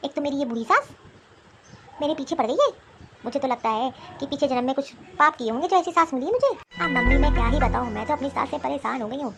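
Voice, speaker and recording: A woman voicing a dramatic, complaining young married daughter in an animated cartoon. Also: sits high, slight background noise.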